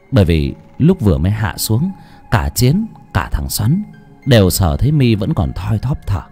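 Expressive storyteller. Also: male voice, on the low side. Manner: expressive, voicing each character. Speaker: audiobook narrator. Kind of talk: storytelling narration. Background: faint background music.

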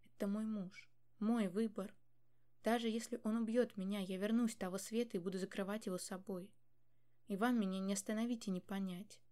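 Woman reading a desperate young heroine, loud, pleading, voice breaking, mellow. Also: mid-range voice, steady tone, a little fast, close to an everyday voice. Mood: defiant.

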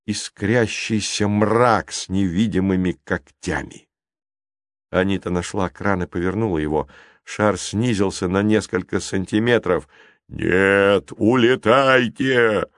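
Brief: male audiobook narrator, lowish pitch, steady dramatic storytelling. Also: no echo, studio quality. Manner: measured, dramatic reading.

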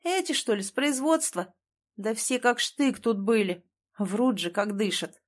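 A woman's voice: a little high, animated, unhurried. A woman reading the lines of a cautious, defensive office worker nearing forty who grumbles and placates. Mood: grumbling.

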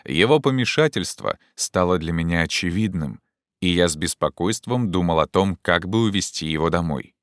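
A man narrating an audiobook in a measured storytelling manner. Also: low voice, expressive, fairly bright tone, dry recording, clean studio sound. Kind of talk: scripted narration.

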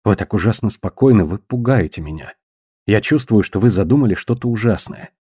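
A man's voice: fairly low pitch, expressive, a little fast, warm tone, husky, no echo, studio quality. A man reading the lines of a tense, desperate woman in an audiobook, urgent and pleading.

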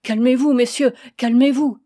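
Old innkeeper woman, woman reading, storybook figure, frantic, pleading, mellow voice, dry. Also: a little high, steady tone, normal speed, dry recording, pitched above the performer's own voice, lightly acted. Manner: pleading, panicked.

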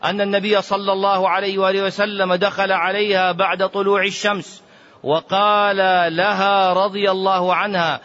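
Man, high voice, religious lecture, emphatic, sing-song quotations, repetitive rhetorical questions, dull muffled recording. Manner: animated, swings from loud emphasis to low muttering asides; chants quoted hadith in a drawn-out sing-song. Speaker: Islamic scholar giving fatwas.

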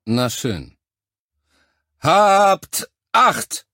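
A man voicing a gruff male drill instructor who gives curt, loud orders to recruits in an audiobook. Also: medium pitch, animated, moderate pace, no room sound, clean studio sound, voice pushed up, lightly acted. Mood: lecturing.

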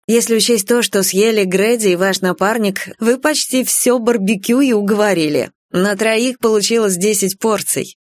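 A woman's voice: medium pitch, moderate pace, few pauses, no room sound, natural voice. A woman voicing a blunt, bold young café owner who talks in a plain, dry way.

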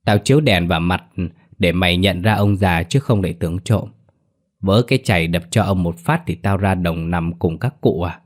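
A man voicing a feisty old village man in an audiobook story. He talks in a gruff, cursing drawl. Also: deep voice, normal speed.

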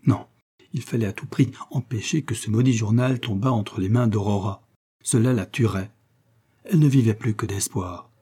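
Low, husky male audiobook narrator. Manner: measured, even storytelling. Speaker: audiobook reader. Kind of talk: scripted narration.

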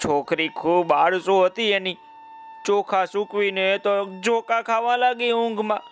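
A man narrating a children's folk tale in a lively, folksy way, with chatty asides to his listeners. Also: sits high, unhurried, soft background music. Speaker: storyteller.

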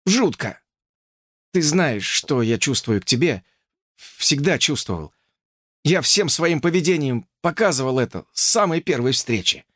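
Casting: a man doing an eager young suitor, insistent and stumbling, lively pitch, dry sound. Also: dry recording. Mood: pleading. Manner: insistent, flustered, stammering. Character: agitated, lovesick young man George.

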